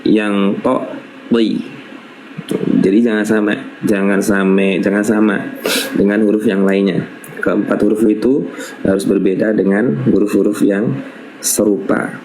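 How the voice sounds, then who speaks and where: A man teaching a live Quran recitation lesson, patiently repeating syllables slowly as models for students to copy. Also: fairly low pitch, steady tone, a little mellow, a little hiss or hum, low-quality recording.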